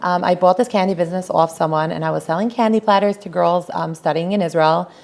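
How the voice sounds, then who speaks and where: An American woman in her thirties, a business founder telling her story in a casual interview, chatty and animated. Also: on the low side, fast, vocal fry. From United States.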